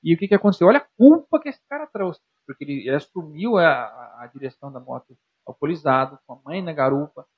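A man's voice: on the high side, fast talker, husky. A man with a Brazilian Portuguese accent, a psychologist guest, explaining with examples and putting rhetorical questions straight to the listener. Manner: animated, talks to the listener directly with rhetorical questions. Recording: dull lo-fi sound.

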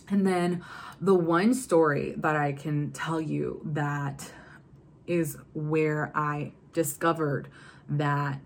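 A young love and confidence coach from Virginia, US, talks casually to camera in a low voice. She's chatty and keeps using the phrase "go ahead and," with a little hiss or hum in the audio.

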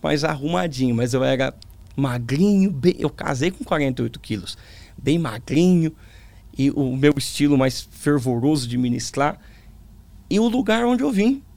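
A Brazilian man with a tongue-tied lisp and slurred sibilants, giving reflective religious testimony in conversation as a preacher, with emphatic pauses and repetition. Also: a little high, lively intonation, vocal fry, a little mellow, dry recording. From Brazil, small town in the interior. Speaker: preacher, interview guest.

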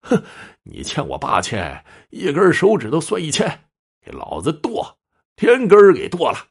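A man's voice: fairly high pitch, wildly swooping pitch, moderate pace, creaky, breathy edge, pitched above the performer's own voice, exaggerated voice. A man voicing a vicious gambler who snarls threats over a debt, in a spoken story. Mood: menacing. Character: vicious hot-headed gambler threatening violence.

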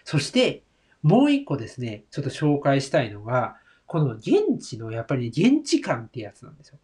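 A man's voice: mid-range voice, huge pitch swings, moderate pace, darkish tone. A man hosting a solo talk show, describing food with enthusiasm and speaking straight to his listeners. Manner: enthusiastic, addresses listeners directly. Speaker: host comparing Taiwanese rice balls.

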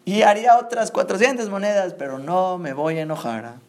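A man playing a patient, gentle old sage. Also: high voice, close to an everyday voice. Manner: calm, unhurried, kindly.

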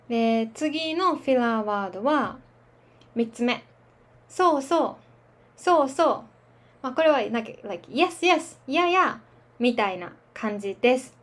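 Woman, Japanese teacher, slightly high voice, unhurried, casual, chatty. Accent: standard Japanese. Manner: relaxed, chatty, laughs at her own filler words. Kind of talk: slow casual language lesson.

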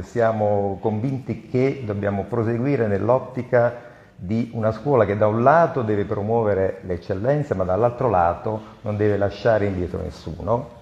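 Guy, kinda low voice, formal school spokesman, halting, muffled roomy sound. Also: dark tone. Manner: measured, halting. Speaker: school representative, guest. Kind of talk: formal interview answers. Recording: echoey, dull lo-fi sound.

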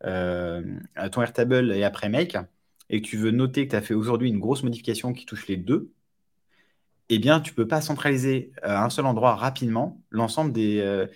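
A man's voice: medium pitch, moderate pace. A man speaking as a guest on a casual podcast interview, talking with many fillers and restarts. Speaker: startup founder guest.

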